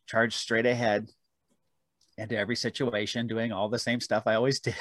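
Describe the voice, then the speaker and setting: A man's voice: lowish voice, a bit bright, no room sound. A man guest telling rambling, self-deprecating stories about his book in a casual interview, with frequent restarts. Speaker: author guest.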